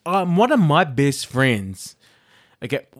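A man from New Zealand co-hosting a casual chat, animated and joking, often repeating words as he thinks. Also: a little high, slow pace, no room sound, studio quality. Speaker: podcast co-host.

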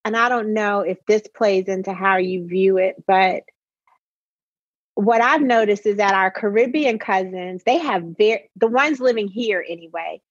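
A woman guest in a casual interview, speaking in a measured, deliberate way that often slows down. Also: medium pitch, no room sound, lo-fi sound. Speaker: guest, genetic ancestry company president.

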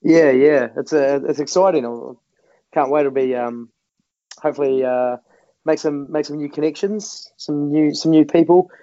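A man's voice: fairly high pitch, moderate pace, warm tone, no room sound, dull audio. A man with a New Zealand accent chatting casually and colloquially as an interview guest. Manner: informal, colloquial, refers to himself in third person. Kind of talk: casual chat.

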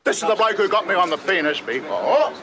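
Brief: high, animated Australian man, indignant and protesting, in a noisy street clip. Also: a little fast. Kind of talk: viral video clip.

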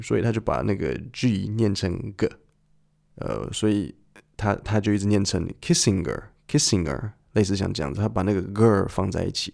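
Gravelly low-voiced man teaching listening. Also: a little mellow. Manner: patient, conversational teacher who asks listeners questions. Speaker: podcast host and English listening teacher. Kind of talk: explaining a listening lesson.

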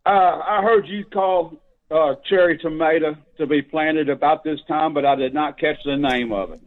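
A man's voice: a little high, normal speed. Older man calling in on speakerphone. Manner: plain-spoken, hurrying to get questions out. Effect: voice heard over a phone line on speakerphone. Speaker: radio call-in caller. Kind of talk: casual call-in questions. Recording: tinny phone line.

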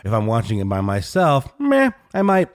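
A man's voice: mid-range voice, wildly swooping pitch, moderate pace, clean studio sound. A man co-hosting a podcast in casual, hesitant conversation, recorded in a slightly echoey, untreated large room. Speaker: podcast co-host. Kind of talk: casual chat. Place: large new office studio with bare walls.

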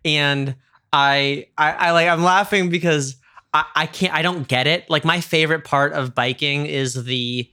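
A man's voice: a little high, fairly even intonation, unhurried, pushed and bright, clear, resonant tone. A man co-hosting a casual interview chat, stammering and repeating words. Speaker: co-host.

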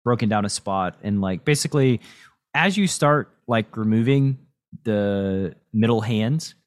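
A man's voice: fairly low pitch, animated, unhurried, dry recording. A man hosting a podcast in a casual, explanatory, lightly teasing way, close on a podcast mic. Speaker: podcast host and poker coach.

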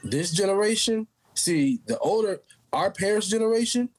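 A man's voice: sits high, expressive, moderate pace, poor audio. An American man chatting casually about politics in a slangy, emphatic way.

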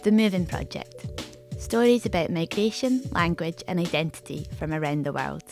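A woman's voice: lowish voice, animated, normal speed, a little mellow, soft background music. A woman hosting a podcast, reading a scripted narration. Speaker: podcast host.

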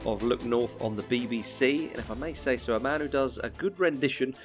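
A man's voice: medium pitch, brisk, over music. A man hosting a football podcast, introducing guests in a jovial way and often chiming in. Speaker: podcast host.

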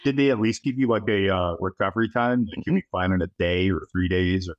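A man with a lowish voice chats casually as a podcast guest. The sound is dry and a little dull, as if muffled. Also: quick pace, no echo. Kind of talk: casual chat.

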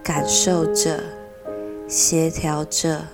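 Soft, low-voiced woman guiding meditation, stuffed-up nose. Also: level tone. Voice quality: slightly nasal. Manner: soft, soothing, unhurried guiding with long pauses. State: has a cold. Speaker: podcast host leading a guided mindfulness meditation. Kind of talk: guided meditation. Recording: piano music behind the voice. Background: gentle piano music.

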